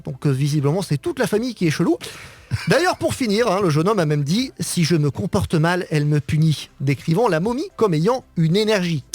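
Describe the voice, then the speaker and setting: A man with a high, very animated voice delivers a jokey radio column. His delivery is playful and teasing, with a casual, chatty rhythm. The studio sound is close and dry. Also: no room sound. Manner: playful, jokey, peppers talk with "hein". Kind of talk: comic news chronicle on radio.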